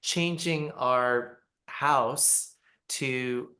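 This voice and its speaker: A middle-aged man from Taiwan, answering interview questions on a video call in a reflective way with many pauses. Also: mid-range voice, bright, forceful tone. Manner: unhurried, reflective, with frequent pauses and fillers. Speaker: interview guest, ballet artistic director. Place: small apartment.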